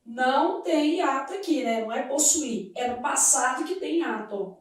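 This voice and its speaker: A woman teaching a grammar lesson, explaining each point step by step and asking the class quick questions. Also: sits high, animated. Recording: echoey room, far from the mic.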